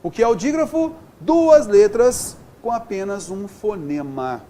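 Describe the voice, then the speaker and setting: A man's voice: sits high, measured pace. A man teaching a Portuguese grammar lesson with a Brazilian accent, explaining step by step and checking in often with the class. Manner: lively, keeps checking in with "beleza?" and "tá?".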